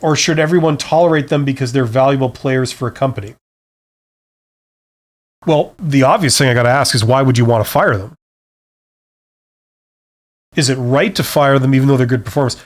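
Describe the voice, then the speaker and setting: A man's voice: medium pitch, moderate pace, long pauses. A middle-aged man hosting a live Q&A stream in a casual, joking way, reading out viewer questions and acting out what a boss might say. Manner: conversational and joking, reads questions aloud and acts out quoted speech. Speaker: host answering viewer questions.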